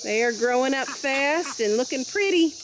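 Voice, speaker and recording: A woman's voice: high voice, expressive, moderate pace. A woman in her thirties with an Ozark accent, chatting cheerfully to a handheld phone camera as she walks around her farm outdoors. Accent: Ozark American. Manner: chatty, cheerful, talks to camera while walking. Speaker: homestead vlogger. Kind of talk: casual vlog narration while walking. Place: outdoors on a rural farm at sunset. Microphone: phone camera held at arm's length. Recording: clear outdoor noise of crickets. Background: crickets and insects outdoors.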